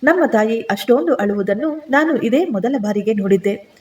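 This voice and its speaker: A woman narrating a dramatic family story in the first person, in a steady, earnest manner. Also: fairly high pitch, moderate pace.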